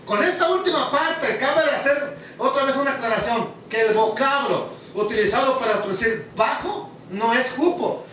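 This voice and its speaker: Delivering a teaching sermon, this man speaks in a strikingly high voice and keeps stopping to ask his congregation questions. The mic sits far from him, the hall rings with heavy echo, and the sound is a bit bright with a little hiss or hum.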